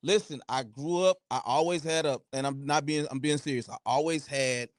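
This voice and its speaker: Brief: man in his thirties, podcast host, lively and playful, a touch high, dry close sound. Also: moderate pace, dry recording. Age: 30s. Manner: animated, playful banter, slangy. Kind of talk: casual chat.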